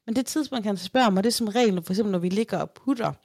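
A woman in her thirties co-hosting a casual podcast, her voice carrying a gravelly fry as she tells frank stories about her kids. She speaks into a close mic in a dry, deadened room. She slips into her children's voices when she quotes them. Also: mid-range voice, darkish tone, dry recording. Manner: candid storytelling, acts out her kids' voices. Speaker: podcast co-host. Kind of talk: casual chat.

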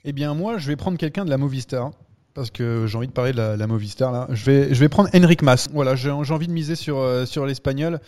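Male podcast host, mid-pitched, chatty and hesitant. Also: quick pace, a little mellow. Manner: hesitant, many fillers and restarts. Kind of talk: casual chat.

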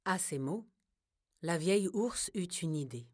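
A woman narrating a children's story in a calm, gentle way. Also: on the low side, measured pace, no room sound, studio quality.

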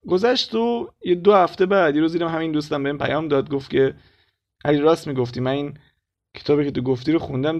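A man's voice: on the high side, darkish tone, lo-fi sound. A man with an Iranian Persian accent telling personal stories in a casual, conversational monologue. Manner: informal, colloquial, conversational. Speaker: spiritual self-help content creator.

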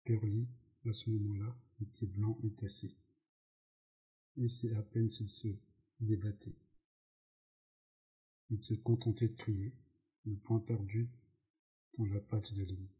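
Male audiobook narrator, plain reading with stumbles, dark mellow voice, slow. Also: fairly low pitch, level tone. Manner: slow reading with slips and self-corrections. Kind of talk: reading a novel aloud. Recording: dull lo-fi recording.

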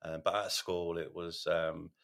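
A man with a very deep, low voice speaks candidly in an interview. He halts often, restarting his sentences and filling gaps with ums. His tone stays open and unguarded as he talks through his past. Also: little pitch movement, gravelly, a bit bright. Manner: halting, self-correcting, frequent ums and repeated words. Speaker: podcast host, sharing his recovery story.

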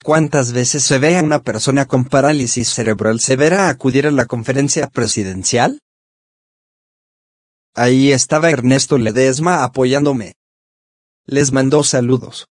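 Synthetic male narrator, medium pitch, measured scripted diary delivery, very dry close sound. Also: no room sound. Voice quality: synthetic text-to-speech voice. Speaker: columnist narrating his weekly diary. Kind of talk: scripted first-person narration.

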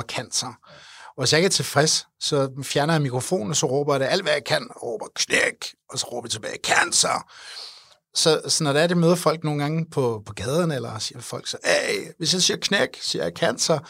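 A man in his forties, an event organizer, telling his story in an earnest, animated way during an interview. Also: a little high, few pauses, breathy edge, no room sound. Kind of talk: interview conversation.

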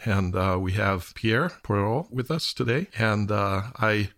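A man hosting a podcast interview, introducing his guest in a halting way with many fillers. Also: lowish voice, fairly bright tone. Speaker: podcast host.

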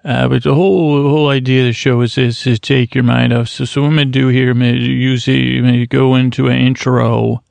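This sleep podcast host is a man with a slightly mellow, mid-range voice, vocal fry, and little pitch movement, speaking briskly with few pauses into a close studio mic without echo. He rambles off topic, repeatedly stopping and restarting, interrupting himself and over-explaining as he meanders.

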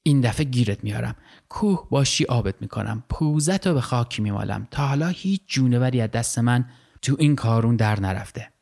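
A man's voice: mid-range voice, animated, vocal fry, a little mellow. A man voicing a boastful, fierce male river fisherman who taunts his prey in a storybook reading. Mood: taunting.

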